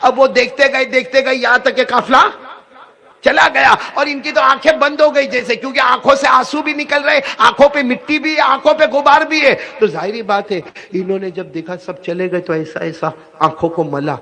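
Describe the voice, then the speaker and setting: High bright voiced preacher guy telling a story, keeps getting the crowd to repeat. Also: vocal fry. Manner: animated, prompts audience to repeat. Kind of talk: storytelling sermon.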